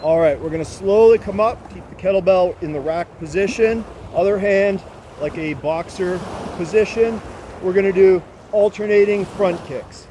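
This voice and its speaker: Male fitness coach, fairly high voice, aerobics-instructor cueing in clipped commands, surf noise behind. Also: mellow. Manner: brisk, short commands and encouragement while exercising. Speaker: fitness coach leading a workout. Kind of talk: aerobics-instructor style exercise cueing with counting. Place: outdoors on an open sandy beach by the water. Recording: noisy outdoor recording with surf and wind.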